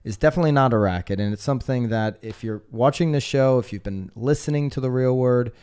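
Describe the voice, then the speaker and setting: A man's voice: medium pitch, quick pace, darkish tone, smooth. A man co-hosting a real estate podcast, chatting casually and walking through statistics with energy. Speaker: podcast co-host.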